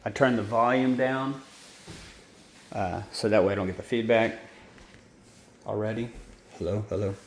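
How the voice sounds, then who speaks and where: Here a hobbyist maker at a moderate pace, with fairly even intonation and long pauses, casually walks through his homemade gear. His voice is on the low side, his manner rambling, informal and self-correcting, and the roomy recording holds faint ambience and slight background noise.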